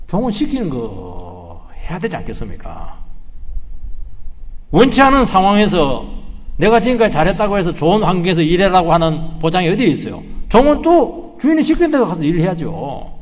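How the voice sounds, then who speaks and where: Male pastor, lively rising delivery, higher voice, long church reverb. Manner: dramatic, acts out quoted voices, rising to emphatic peaks. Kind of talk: sermon. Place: church sanctuary.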